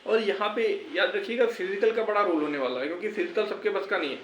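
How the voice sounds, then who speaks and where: A young Indian man, an exam-prep vlogger, gives an informal motivational talk, earnest and reassuring, repeating phrases for emphasis. His voice sits high and a bit bright, and he speaks quickly. The room echoes, with faint background noise.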